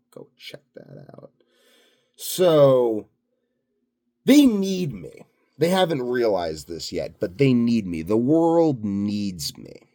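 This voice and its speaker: His voice is on the low side and mellow as he muses aloud in a loose, unscripted vlog. The man casts himself as an authority on health and sleep, and he sounds grandiose and very sure of himself.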